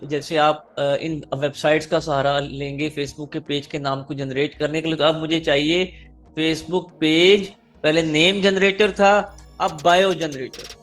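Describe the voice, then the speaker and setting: A man leads a live online class, walking students through each step and checking in with "clear?" again and again. His voice sits a little high for a man. Soft music plays faintly behind him. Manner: explains step by step, keeps asking students "clear?". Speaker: online marketing instructor. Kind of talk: live online class, teaching by screen share.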